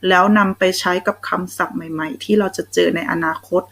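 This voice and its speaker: A young Thai woman gives children a slow, patient English phonics lesson, sounding out letters one at a time and praising them. Her voice is fairly low, steady, a bit bright, and a little fast, on a rough recording.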